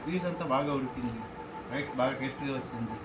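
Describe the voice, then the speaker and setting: A man tasting a home-cooked dish and giving slow, approving comments. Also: mid-range voice, crowd noise, low-quality recording. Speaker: family member tasting food.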